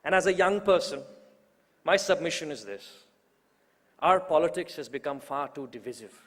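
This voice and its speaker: A man's voice: a little high, animated, normal speed, a bit bright. A man in his twenties giving a rousing, emphatic public speech at a political event, building his points through repetition. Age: 20s. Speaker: youth organizer introducing the main speaker. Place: large event hall. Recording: long hall reverb.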